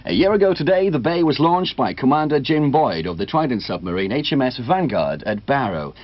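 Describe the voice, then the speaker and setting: A man presenting a morning radio show in a bright announcer-style delivery, heard as a tinny radio sound. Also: mid-range voice, very animated, a little fast, no echo. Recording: dull lo-fi radio broadcast.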